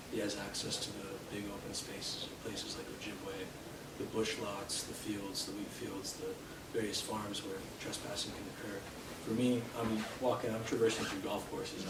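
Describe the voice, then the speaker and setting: A young man from Canada giving a live poetry reading in a bookshop, hesitant with fillers between poems and steady in his verse. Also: lowish voice. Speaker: poet. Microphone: distant from the mic. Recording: roomy, distant, noisy live room sound.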